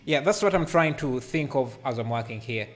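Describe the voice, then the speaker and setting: A man's voice: medium pitch, expressive, normal speed. A man in his thirties streaming a live 3D art session, thinking aloud with many fillers and answering chat as he works. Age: 30s. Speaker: livestreaming 3D artist. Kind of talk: casual live tutorial, reading chat aloud. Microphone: headset microphone.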